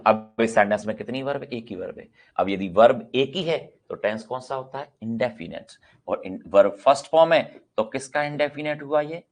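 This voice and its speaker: A middle-aged male grammar teacher with a gravelly edge to his voice. He lectures like he's in a classroom, putting questions to his students and answering them himself. He says his example sentences again and again for practice. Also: mid-range voice, lively intonation, normal speed, hardly any pauses, soft background music. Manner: repeats example sentences several times for practice.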